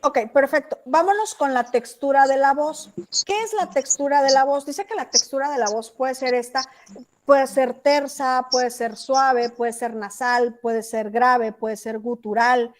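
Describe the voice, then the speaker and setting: A woman with a Mexican accent teaches a class over a video call. Her voice sits high, and her talk is chatty, with frequent checks that everyone is following along. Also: steady tone, unhurried. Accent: Mexican Spanish. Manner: chatty, asks checking questions. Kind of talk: online class lecture.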